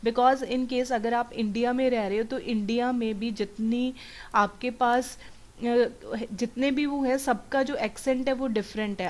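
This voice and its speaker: A woman's voice: on the high side, a little mellow. A woman coaching students for an English test, explaining step by step as she switches between Hindi and English. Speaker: PTE exam coach. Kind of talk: teaching a test-prep lesson.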